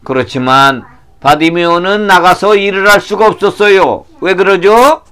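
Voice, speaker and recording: A man's voice: sits high, normal speed, pushed and bright, clean tone. A male pastor narrating a Bible story for children, asking them questions as he goes.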